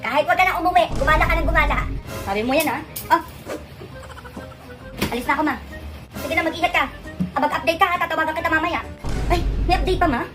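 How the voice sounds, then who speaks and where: Isang babaeng may puntong Pilipino na gumaganap ng ina at anak sa isang comedy skit, mapang-asar at masiglang pananalita. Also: female voice, sits high, fast talker, long pauses. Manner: animated, teasing comic delivery. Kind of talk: comic skit acting, mother and child roles. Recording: music playing behind.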